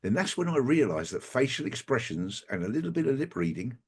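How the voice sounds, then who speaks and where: A man, a guest in a conversational interview, telling wry anecdotes in a halting way over a remote call. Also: medium pitch, very animated, slightly rough.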